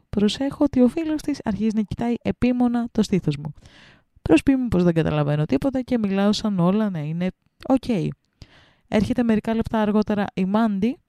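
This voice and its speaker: A woman co-hosting a podcast, reading a listener's story aloud with lively, animated delivery and chatting casually. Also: mid-range voice, no room sound, clean studio sound. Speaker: podcast co-host.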